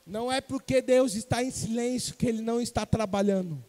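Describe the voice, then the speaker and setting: A man from Brazil preaching a sermon as an evangelist, swinging from loud to hushed and questioning the congregation. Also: very high-pitched, brisk. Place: church sanctuary. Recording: long church reverb.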